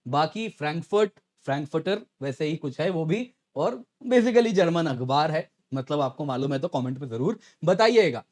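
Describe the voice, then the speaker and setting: A man with a high-pitched, slightly mellow voice presents current affairs like an educator. He talks conversationally, speaking straight to viewers and asking rhetorical questions as he explains the news.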